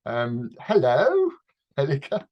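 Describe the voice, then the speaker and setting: A man's voice: medium pitch, wildly swooping pitch, takes it slowly, lo-fi sound. A man hosting a radio interview, chatty and jokey, with theatrical asides. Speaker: radio host.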